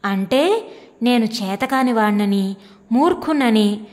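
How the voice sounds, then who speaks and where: A woman's voice: a little high, expressive, slow, long reverb tail. A woman reading the part of a mocking husband who scolds his wife with sneering contempt. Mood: scornful. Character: scornful, mocking husband, a grown government clerk.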